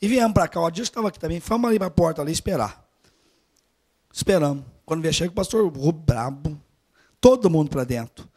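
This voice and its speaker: A man with a Brazilian Portuguese accent preaching a storytelling sermon at a church service, swinging from hushed asides to loud urging. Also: on the high side, lively intonation, quick pace.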